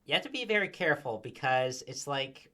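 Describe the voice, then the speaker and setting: A man's voice: mid-range voice, sing-song, fairly quick, bright, forceful tone. A man hosting commentary at a microphone, talking casually with sighs, fillers and exasperated asides. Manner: sighing, rambling, filler-heavy. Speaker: commentary host. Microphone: desk microphone.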